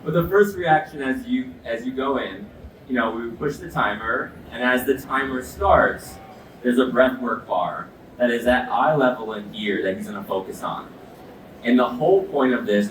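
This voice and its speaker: A man's voice: mid-range voice, a bit bright. A man giving an explanatory product demo as an expert, speaking in an earnest, emphatic way. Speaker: ice bath expert and product demonstrator with sports medicine background. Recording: echoey, distant mic, noisy background.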